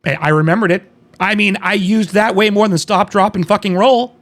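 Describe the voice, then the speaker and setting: A man's voice: high voice, fairly quick, fairly bright tone. A man co-hosting a podcast in casual banter, ranting and teasing with plenty of swearing. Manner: foul-mouthed ranting and teasing. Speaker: podcast co-host.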